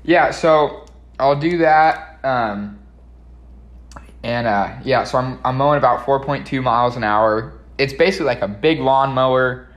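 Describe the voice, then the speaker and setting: Young male co-host, mid-pitched, folksy casual explainer, audible room echo. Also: measured pace, muffled recording. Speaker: podcast co-host and farm worker. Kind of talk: casual chat, explaining his work.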